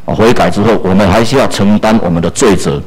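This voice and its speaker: A man preaching a sermon, animated and full of small fillers. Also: fairly low pitch, quick pace, slightly rough, low-quality recording.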